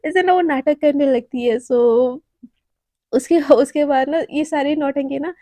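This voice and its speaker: A young woman casually retelling a love story in a chatty, animated way, full of fillers. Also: high-pitched, a little slow, no echo.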